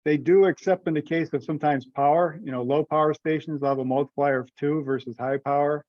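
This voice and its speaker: A man speaks a little fast on a remote call, his fairly high voice fairly even in intonation, presenting a proposal to a committee. The audio is dry and muffled, and he sounds tentative, thinking out loud and checking for agreement.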